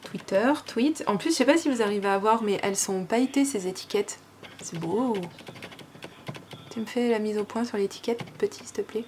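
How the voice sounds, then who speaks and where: A woman's voice: medium pitch, normal speed, darkish tone, a little hiss or hum. A woman vlogger with a French accent, gushing and chatty as she unboxes gifts, with many fillers. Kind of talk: casual unboxing chat.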